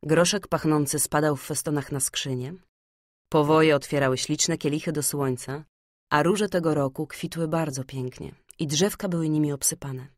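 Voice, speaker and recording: A woman narrating a fairy-tale audiobook in a calm, measured storytelling manner. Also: sits low, dry recording, studio quality.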